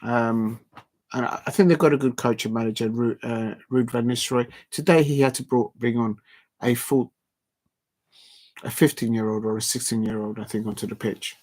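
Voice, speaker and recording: This football watch-along streamer, speaking in a mid-range voice at normal speed, is signing off a casual late-night live stream from home with a TV on in the background. He rambles, packs his speech with fillers, and reads chat shout-outs aloud.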